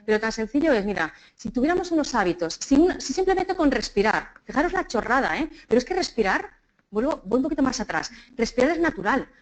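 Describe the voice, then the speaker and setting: A woman's voice: fairly high pitch, quick pace, poor audio. A woman with a Spanish accent from Spain, giving a live public speaking talk and leading the audience through exercises, checking in with them often. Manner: lively, keeps checking in with the audience. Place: conference room with an audience.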